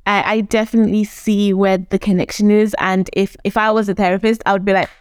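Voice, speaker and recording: A young Zimbabwean woman whose first language is Shona appears as a guest in a lively, casual interview, acting out the voices of people she quotes. Her medium-pitched voice is smooth and brisk, with no room sound.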